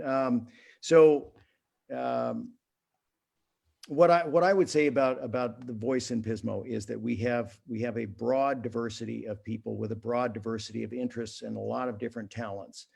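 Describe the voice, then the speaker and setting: A man's voice: mid-range voice, fairly even intonation, moderate pace, creaky, a little mellow, husky. A man speaking as a mayoral candidate in a video-call forum, earnest and prone to restarting his sentences.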